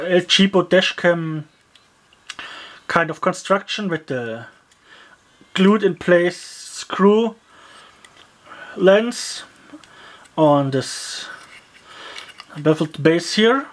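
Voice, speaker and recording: Slow, halting gadget reviewer, grumbling. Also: mid-range voice. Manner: rambling, halting, grumbling asides; frequent fillers like yeah and uh. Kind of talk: casual product teardown commentary.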